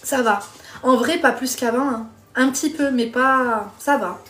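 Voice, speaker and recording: A woman's voice: sits high, measured pace, fairly bright tone, faint music behind. A woman hosting a live stream, chatting bluntly with viewers, reading their comments and giving dating advice while calling them pet names.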